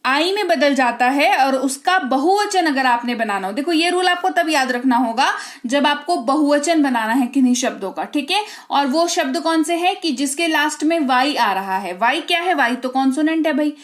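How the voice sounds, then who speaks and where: High-voiced woman teaching English pronunciation. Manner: explains step by step, often asks "ठीक है?" and "है ना?". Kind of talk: Hindi-language English lesson.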